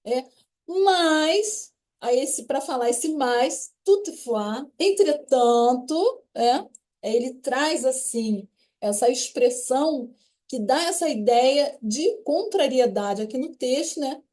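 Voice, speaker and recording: A woman's voice: high-pitched, lively intonation, takes it slowly, a little mellow. A woman with a Brazilian Portuguese accent teaching a French lesson online. She explains step by step and keeps checking in with her students.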